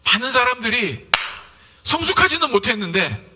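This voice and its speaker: A male pastor preaching a Sunday sermon in a lively way, acting out everyday conversations as he goes. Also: very high-pitched, normal speed, background noise.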